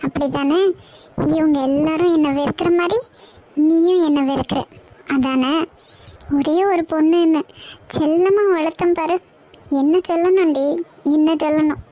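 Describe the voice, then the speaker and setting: A woman's voice: sits high, fairly even intonation, a little slow, long pauses, dark tone. An actress playing a middle-aged mother, reproachful and guilt-tripping, in a TV serial scene. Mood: bitter. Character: bitter, self-pitying middle-aged mother.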